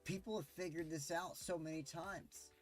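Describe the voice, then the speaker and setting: A man's voice: on the high side, steady tone, normal speed, faint music behind. A man streaming a city-building game, delivering an impassioned, pleading rant with swearing. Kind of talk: ranting gameplay commentary.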